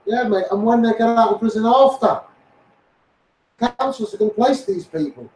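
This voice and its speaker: An online campaigner from around Liverpool rants on a livestream in a high, animated, darkish voice at normal speed, his Scouse accent clear. He rambles with passion, repeats himself and keeps insisting at his viewers. The sound is distant and echoey, as if from across a room.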